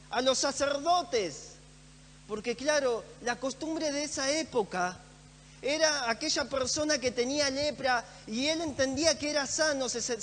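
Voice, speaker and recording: A man preaching a sermon in a church, earnest and emphatic, repeating phrases for stress. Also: very high voice. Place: church hall. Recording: echoey church hall with faint hum.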